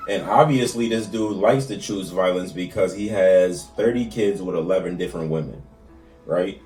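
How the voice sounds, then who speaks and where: Low-voiced male podcast co-host, relaxed slangy chat, off-mic in a roomy space. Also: moderate pace, far from the mic, soft background music. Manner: laid-back slang-heavy talk. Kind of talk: casual chat.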